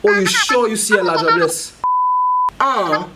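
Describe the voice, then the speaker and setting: A man's voice: sits high, huge pitch swings, measured pace, heavy background noise, full character voice. A man playing a brash, showy comic news anchor with a Saint Lucian accent, announcing in a theatrical, mock-formal way. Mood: mock-serious.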